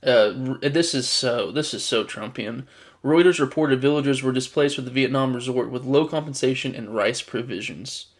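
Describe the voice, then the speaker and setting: A man's voice: medium pitch, moderate pace. A man delivering a casual political commentary, reading news items one after another in a mid-range voice that sits right in the middle. He reacts to each with exasperated, sarcastic asides and keeps stumbling and restarting his sentences.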